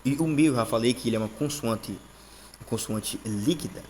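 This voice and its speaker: A man's voice: medium pitch, moderate pace, a little mellow, slight background noise. Man with a Brazilian accent explaining patiently. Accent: Brazilian Portuguese. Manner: frequent fillers and "tá?" checks, repeats terms. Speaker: teacher. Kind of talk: casual explanatory lesson.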